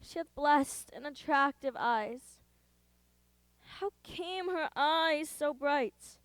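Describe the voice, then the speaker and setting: A woman's voice: high voice, animated, slow pace, a bit bright, no room sound, full character voice. A woman playing the lovelorn young Helena in a school stage play, pleading and then indignant. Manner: pleading, rising to indignant outbursts.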